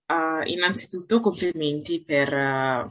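An interviewer talks casually at a middling pitch. The delivery is hesitant, with phrases restated along the way. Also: a little slow, fairly bright tone, faint music behind.

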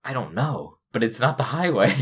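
A man's voice: mid-range voice, big pitch swings, moderate pace, a bit bright, breathy edge. A young man co-hosting a casual comedic chat, playful and mock-serious, often laughing. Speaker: podcast co-host.

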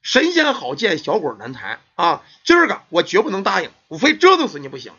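A furious weasel spirit curses and threatens, its voice high, lively and rough, put on by a man telling the tale. It comes across dull and lo-fi. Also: fairly quick, exaggerated voice. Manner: cursing, threatening. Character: vengeful weasel spirit possessing a young woman.

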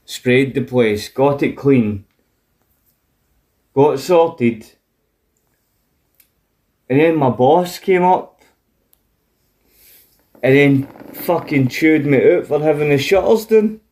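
A man's voice: mid-range voice, slow pace, pauses often, a little mellow. A man with a broad Scottish accent chatting casually and telling stories in a coarse, sweary, colloquial way. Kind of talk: casual chat, animated storytelling.

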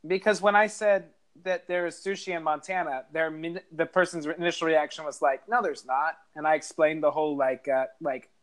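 A man with a slightly raised pitch chats casually as a podcast co-host. His talk wanders, full of filler words and restarts, and he sounds like he's on a remote call mic. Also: steady tone, moderate pace, few pauses. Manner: rambling, hesitant storytelling with many fillers. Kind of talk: casual chat.

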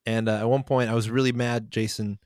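A man's voice: medium pitch, little pitch movement, a little fast, darkish tone, no echo, studio quality. A young man co-hosting a podcast, telling a long story in casual chat, rambling and laughing as he goes. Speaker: podcast co-host, band member.

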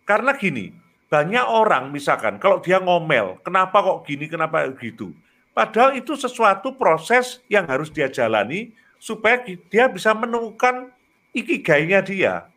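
A man's voice: sits high, sing-song, normal speed, a bit bright. A man speaking as a guest on a talk show, explaining his view earnestly and with rising emphasis. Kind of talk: casual advice talk.

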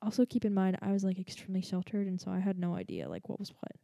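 A woman's voice: medium pitch, big pitch swings, fast, gravelly, mellow, no echo, clean studio sound. Woman with a slight lisp telling a story. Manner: rambling with many fillers and asides. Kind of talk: casual storytelling.

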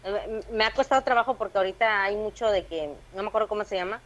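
A woman stand-up comedian with a Veracruz Mexican accent, chatting in an interview with lively, intense storytelling. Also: mid-range voice, fast, lo-fi sound. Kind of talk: casual interview chat.

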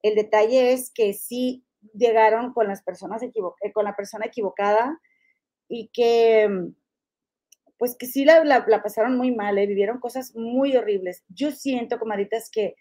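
A woman's voice: a little high, normal speed, mellow. Chatty Monterrey woman hosting a gossip podcast. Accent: Monterrey Mexican Spanish. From Monterrey, Mexico. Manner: chatty, reads listener comments, calls listeners comadres. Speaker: podcast host. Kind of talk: casual gossip chat with listeners.

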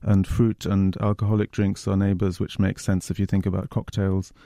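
A male researcher explaining his work in a measured way on a science radio show, with frequent small restarts. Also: low voice, completely flat delivery, dark tone, no room sound, clean studio sound. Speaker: researcher guest.

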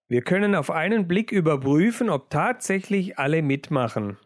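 A man voicing a sly, shrill mouse. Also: expressive, moderate pace, dry recording, clean studio sound, lightly acted. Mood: eager. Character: sly male mouse, clever and shrill when angry.

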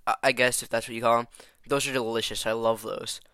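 Young guy on a headset hosting a goofy podcast call, bright crisp voice, dry close sound. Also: medium pitch, flat delivery, fairly quick, no room sound. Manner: playful, teasing, prompting his friend. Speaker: podcast host. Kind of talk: casual chat on a call.

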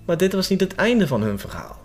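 A man voicing a possessed boy in a horror story, speaking in a slow, cold, ominous tone. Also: high-pitched, big pitch swings, soft background music. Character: possessed boy, eerie calm voice.

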